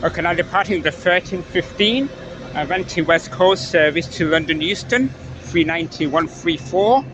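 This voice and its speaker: Higher-pitched man commenting amid train noise. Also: moderate pace. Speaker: trainspotting video maker. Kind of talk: casual running commentary, reading out train numbers. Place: outdoors on railway station platform. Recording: dull sound, clear train noise.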